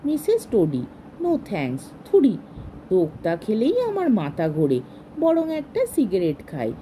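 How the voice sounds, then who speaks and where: A woman's voice: medium pitch, huge pitch swings, measured pace, dark tone, slight background noise, pitched below the performer's own voice, low-quality recording. A woman reading a story aloud and voicing a naive, eager lady who speaks politely.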